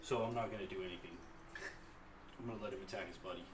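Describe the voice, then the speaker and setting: A man playing a tabletop game, talking casually and a bit unsure as he reads rules aloud, recorded in an echoey room from a distant mic with clear hiss. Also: low voice, fast. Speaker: player.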